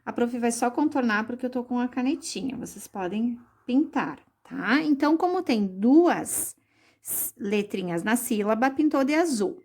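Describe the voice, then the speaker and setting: A woman teaching young children a recorded lesson, explaining slowly and patiently, with many diminutives. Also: fairly high pitch, expressive, darkish tone. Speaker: primary school teacher.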